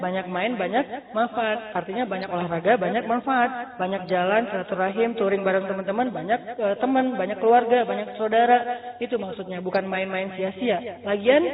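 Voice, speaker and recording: Male preacher, high voice, casual sermon with acted-out quotes, tinny phone-like sound. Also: brisk, reverberant. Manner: lively storytelling, acting out quotes.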